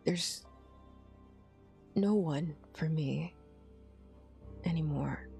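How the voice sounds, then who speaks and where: A woman's voice: low voice, drawn-out words, gravelly, warm tone, faint music behind, heavily acted. A woman doing Melrose, a drunk heartbroken man. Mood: anguished. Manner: drunken, crude, half-whispered confessions. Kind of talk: reading a romance story aloud.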